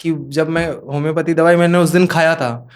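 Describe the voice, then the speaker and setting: A man's voice: fairly high pitch, fairly even intonation, fairly quick. A young man, a comedian on a podcast, telling funny stories in a casual, joking way, laughing often and acting out the lines he quotes. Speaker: stand-up comedian guest.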